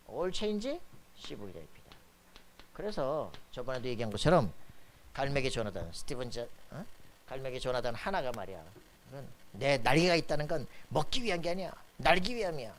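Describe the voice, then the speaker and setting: A pastor preaching a sermon, firing questions at the congregation and pressing for their answers. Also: male voice, on the high side, a little hiss or hum. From Korea. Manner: call-and-response questions to the congregation, emphatic. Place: church sanctuary.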